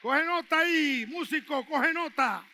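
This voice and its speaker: A male pastor preaches with fire, swinging between shouted calls and quieter asides that draw the congregation into call-and-response. His voice sits very high for a man and sounds extremely bright and piercing. The long reverb of a church hall trails behind every phrase. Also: measured pace, slight background noise. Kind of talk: sermon.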